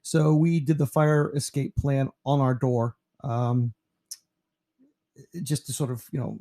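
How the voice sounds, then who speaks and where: A man of about fifty from New York, a teacher narrating a slideshow about himself in a relaxed, rambling way with lots of fillers. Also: mid-range voice, slow pace, creaky. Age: 50s.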